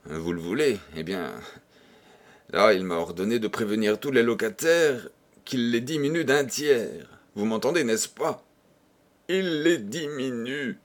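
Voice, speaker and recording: A man's voice: medium pitch, a little slow, natural voice. A man reading the part of a flustered, pleading middle-aged concierge in an audiobook. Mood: agitated. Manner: pleading, stammering protest.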